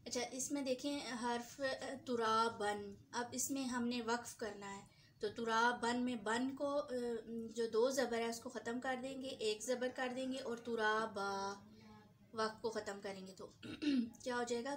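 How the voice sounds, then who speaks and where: A woman teaching Quran recitation rules with a sore throat, patient and repetitive, stretching out example words slowly. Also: a little high, a little hiss or hum. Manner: patient, repeats points, slows down for drawn-out example words. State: sore throat, clearing it often. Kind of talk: tajweed lesson.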